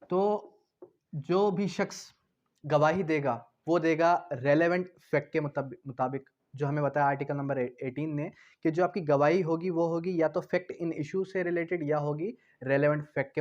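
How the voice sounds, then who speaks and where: The audio is dull as a Pakistani-accented law teacher explains his subject in a somewhat high, steady voice at normal speed. He repeats key terms, asks and answers his own questions in a didactic way, and mixes Hindi-Urdu with English legal vocabulary.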